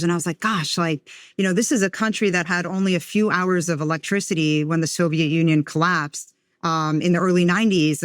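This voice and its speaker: A woman's voice: on the low side, no echo, studio quality. A woman venture investor from the United States, answering interview questions in a reflective way, with frequent "you know" and "um". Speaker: venture capital investor, podcast guest.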